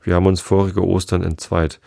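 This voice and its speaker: A man's voice: low-pitched, level tone, brisk, creaky, warm tone, no room sound, studio quality. A man voicing a sad, fussy Hatter at a tea party, speaking with sighs. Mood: sorrowful. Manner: sighing, sorrowful.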